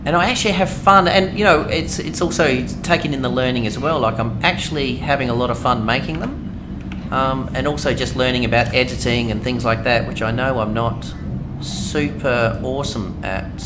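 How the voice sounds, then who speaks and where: Brief: Aussie male streamer, talkative with lots of fillers, mid pitch, noisy mic audio. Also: normal speed. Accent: Australian. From Australia. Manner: chatty, rambling, many fillers. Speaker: game streamer. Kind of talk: casual let's-play commentary.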